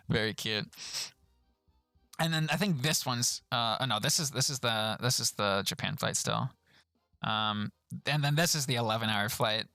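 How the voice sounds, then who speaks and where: A young man chatting casually on a live stream as he reviews trip photos, laughing often and jumping into high voices when he quotes people. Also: a little slow, pushed and bright, no room sound, soft background music.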